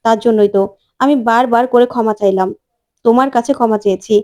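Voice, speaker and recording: Remorseful young male doctor, voiced by a woman, pleading, high voice. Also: fast talker, darkish tone, natural voice. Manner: pleading, apologetic.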